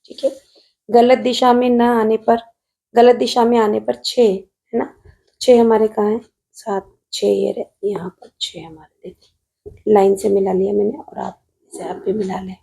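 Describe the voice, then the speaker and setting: A woman's voice: a little high, little pitch movement, unhurried, creaky, long pauses, dark tone. A woman math teacher with a Rajasthani Hindi accent, patiently solving an exam paper on video while writing at a desk and calling her students "beta".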